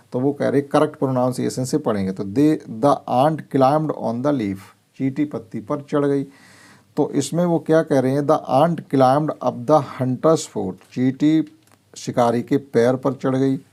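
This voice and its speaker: Gravelly, dark-voiced teacher. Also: male voice, mid-range voice. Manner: explains English words in Hindi, slow deliberate reading of English sentences. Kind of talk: workbook lesson explanation.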